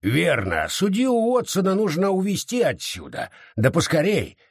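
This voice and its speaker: A man doing a prudent young colonist, level-headed, husky, raised pitch, lively delivery. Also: moderate pace, no room sound, studio quality, exaggerated voice.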